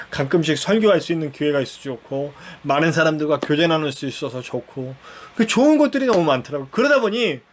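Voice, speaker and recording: Higher-voiced male preacher telling a story. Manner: conversational storytelling, acts out dialogue, asks the listeners questions. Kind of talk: sermon with a personal story. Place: church.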